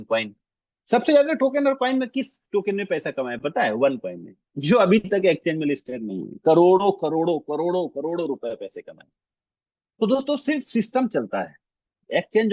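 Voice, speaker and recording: A man giving a casual screen-share walkthrough, talking to his audience in an animated way, repeating phrases and mixing in English words. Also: high voice, no echo. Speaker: presenter.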